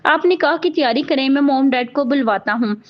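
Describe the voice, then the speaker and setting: A woman's voice: sits high, a little fast, close to an everyday voice. Woman reading as a cold vengeful young man. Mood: insistent. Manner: cold, biting. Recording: dull lo-fi audio.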